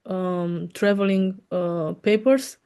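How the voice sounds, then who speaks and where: A woman's voice: mid-range voice, steady tone, slow, warm tone, clean tone. A woman from Denmark, an English speaker co-hosting a podcast, frank and earnest. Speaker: podcast co-host. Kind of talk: casual opinionated chat.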